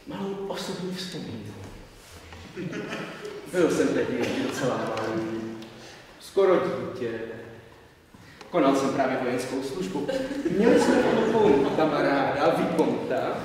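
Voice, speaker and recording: A man's voice: on the high side, noisy background, natural voice. A man playing a pompous pedantic professor. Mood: lecturing. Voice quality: theatrical, declamatory, swinging between whisper-soft and loud. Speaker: stage actor. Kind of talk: live theatre performance. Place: theatre stage. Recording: echoey stage recorded from far off.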